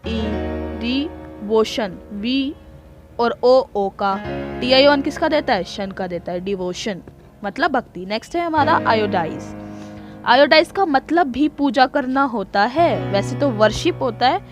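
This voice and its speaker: A woman's voice: fairly high pitch, animated, unhurried, faint music behind. A woman with an Indian accent teaching English word meanings, spelling words out sound by sound in a patient, chatty way. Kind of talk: casual spoken lesson.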